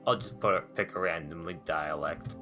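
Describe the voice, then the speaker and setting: A man hosting a casual livestream, excitable and self-deprecating as he chats to viewers. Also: low-pitched, moderate pace. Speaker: streamer hosting a tabletop character creation session. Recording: background music behind voice. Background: music.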